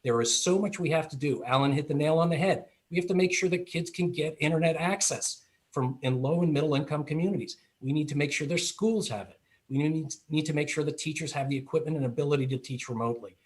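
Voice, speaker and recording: Higher-voiced man candidate, measured. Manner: measured, with restarts. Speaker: congressional candidate. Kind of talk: virtual forum answer. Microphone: video call.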